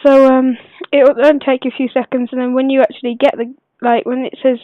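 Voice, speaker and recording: A woman who is unwell gives a casual gameplay tutorial voice-over, speaking quietly but clearly in a hesitant, rambling way. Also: sits high, level tone, brisk, dry recording. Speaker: gaming video maker. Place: voice-over recorded at a computer. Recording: dull lo-fi computer recording, dry.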